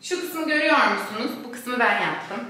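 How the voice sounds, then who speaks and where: A woman's voice: a little high, expressive, normal speed, pushed and bright. A woman giving a chatty, joking home tour as a vlogger, her voice echoing off the bare walls of a stairwell. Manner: chatty, jokey, thinks aloud. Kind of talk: casual chatty house tour. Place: indoors, stairwell of a house. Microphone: camera held by a second person. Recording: echoey stairwell, faint background noise.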